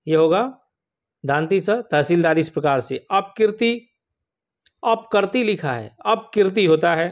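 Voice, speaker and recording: Guiding students through exam spelling, this teacher speaks in a fairly high voice. His explanations are slow and patient, and he repeats every word to help it stay in memory.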